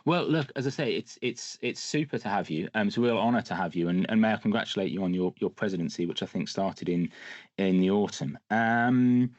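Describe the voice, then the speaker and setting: A podcast host with a lowish voice speaks briskly, welcoming his guest and posing questions with upbeat, enthusiastic encouragement. The recording is lo-fi and has no room sound.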